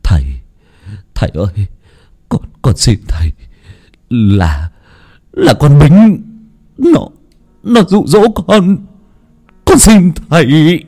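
A man's voice: fairly high pitch, very animated, slow pace, pauses often, dark tone, soft background music, voice pushed up, exaggerated voice. Man playing a terrified young man, stammering, whimpering, voice cracking upward, audio story.

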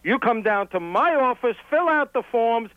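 A man's voice: extremely high pitch, lively intonation, normal speed, no echo. A man on a lo-fi phone line in a heated conversation, speaking as a flustered, indignant manager who repeats himself. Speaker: mall manager receiving a prank call.

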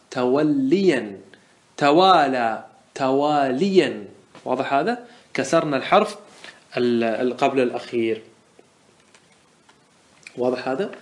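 A man with a fairly high voice teaches a classroom lesson, drawing out each example word slowly and firing questions he answers himself. The sound rings around an echoey room. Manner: drawls out example words slowly, asks and answers his own questions. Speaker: sheikh teaching Arabic morphology. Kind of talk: classroom lesson explaining verse.

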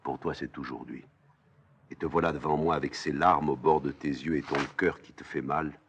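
A man's voice: very deep voice, steady tone, normal speed, noisy background. A man reading a weary, grave old king. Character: aging king, stern, weary and grimly resigned.

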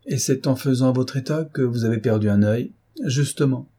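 A man's voice: mid-range voice, normal speed, mellow, husky, voice pushed up, natural voice. A man voicing a sarcastic, scolding middle-aged housekeeper in an audiobook reading. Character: sharp-tongued middle-aged woman housekeeper.

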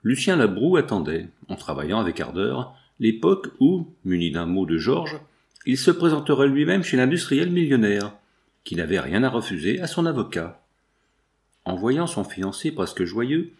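A male narrator reading a classic novel aloud with an animated, wide-ranging pitch. His voice sits in a middle register, and the delivery is scripted and expressive. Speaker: audiobook narrator.

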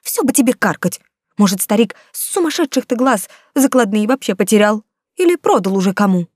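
Brief: bony laundress near fifty, a woman voicing her, smug gossip, lowish. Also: normal speed, dry recording, clean studio sound. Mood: gloating. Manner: gloating, spiteful. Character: thin bony laundress around fifty, gloating.

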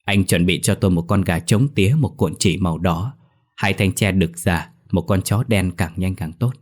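A man voicing an older exorcist master who speaks in a measured, firm and grave way in a ghost story. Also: low voice, darkish tone.

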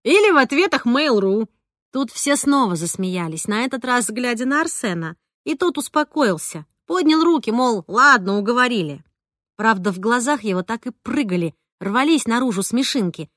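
A woman narrating a first-person novel with a lively, expressive reading. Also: on the high side, normal speed, dry recording, studio quality. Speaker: audiobook narrator.

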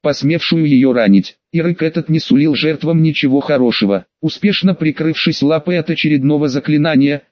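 Man, audiobook narrator, fairly high voice, measured and dramatic, dry and slightly muffled sound. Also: dry recording.

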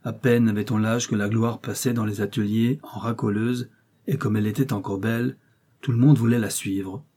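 Low husky male storyteller. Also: fairly even intonation, mellow. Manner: measured, voicing characters' lines with raised pitch. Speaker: narrator. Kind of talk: audiobook reading of a short story.

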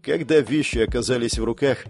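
A man narrating a fantasy audiobook in a steady storytelling manner. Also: mid-range voice, fairly quick, soft background music.

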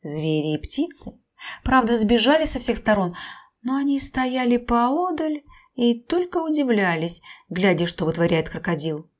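A woman reads a children's story aloud with a high, light voice. Her telling is expressive and lively, and her voice rises and falls with the story. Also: a little slow. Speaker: narrator.

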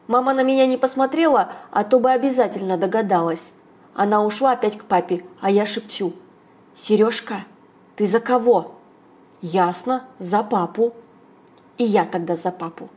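Brief: female audiobook reader, fairly high voice, lively first-person narration.

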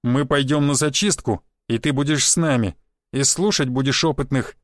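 A man voicing a tough, commanding mercenary chief who talks down gruffly. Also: mid-range voice, moderate pace, no room sound, clean studio sound, lightly acted.

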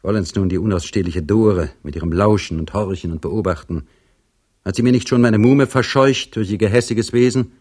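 A man's voice: on the low side, normal speed, darkish tone, breathy edge. A man doing a sly, grumbling manservant. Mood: aggrieved. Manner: sarcastic, complaining.

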